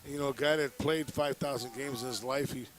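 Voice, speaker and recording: A man doing casual sports commentary in the booth, agreeable and quick to say yes. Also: mid-range voice, fairly even intonation, poor audio. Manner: agreeable, keeps saying "yes". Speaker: color commentator.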